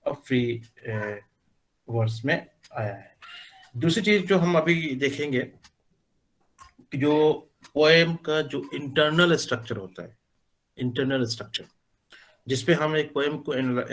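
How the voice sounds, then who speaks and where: A male teacher explaining a lesson, talking in an unhurried way with many pauses and filler sounds, with phrases. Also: mid-range voice, fairly bright tone. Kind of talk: spoken lecture in Hindi mixed with English.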